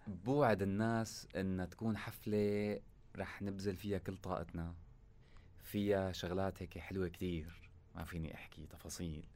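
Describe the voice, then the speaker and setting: A man with a low voice and a Syrian Arabic accent speaks as a musician being interviewed. He talks quickly and casually, telling things in short colloquial bursts. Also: flat delivery, a little mellow.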